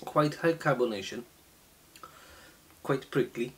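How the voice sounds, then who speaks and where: Slow, halting man reviewing beer. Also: medium pitch, a bit bright. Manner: slow, halting, many fillers and restarts. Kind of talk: casual beer tasting review. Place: small indoor room, seated at a table.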